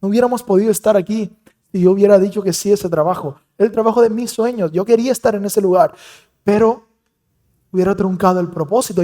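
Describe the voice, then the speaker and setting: A young man preaching a sermon as pastor, emphatic with dramatic swings between loud and soft. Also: sits high.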